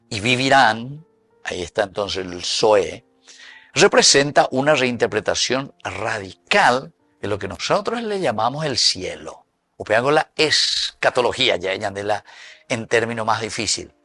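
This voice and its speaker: Man, Paraguayan accent, preaching, gravelly, faint music under. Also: mid-range voice. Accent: Paraguayan Spanish. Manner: lively preaching with sudden loud and soft swings. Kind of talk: sermon mixing Guarani and Spanish.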